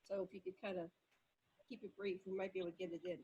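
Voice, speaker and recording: A woman's voice: on the low side, little pitch movement, mellow, husky, muffled recording. A woman moderating an online panel, keeping turns short and on time, her voice faint and breaking up over the call connection. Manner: briskly keeps time and hands over turns. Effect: faint, distant audio breaking up over a call connection.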